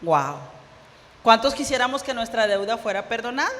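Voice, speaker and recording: A woman's voice: on the high side, expressive, moderate pace, a bit bright, in a large hall, slight background noise. A woman pastor preaching a sermon, retelling a parable and putting questions to her congregation. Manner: storytelling, acts out parable dialogue, rhetorical questions to congregation. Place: church sanctuary.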